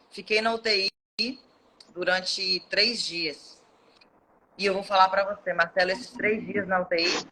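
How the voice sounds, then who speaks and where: A woman's voice: mid-range voice, sharp tone, rough recording. A woman in her thirties telling an emotional personal testimony as an interview guest, speaking earnestly. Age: 30s.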